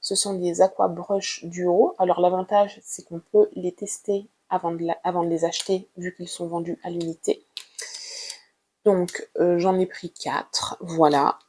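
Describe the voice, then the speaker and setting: A woman casually showing her drawing supplies in a vlog, talking gently and hesitantly with many fillers. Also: lowish voice, level tone, breathy edge. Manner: hesitant, with frequent "euh" fillers; unhurried and gentle. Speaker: art vlogger. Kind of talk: casual show-and-tell about drawing supplies.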